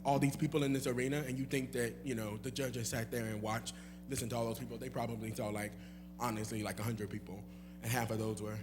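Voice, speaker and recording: A man's voice: medium pitch, little pitch movement, fast, background noise. Young man chatting loosely on stage. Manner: rambling, laughing, many fillers. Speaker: guest singer. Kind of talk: casual Q&A chat. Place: church hall with audience.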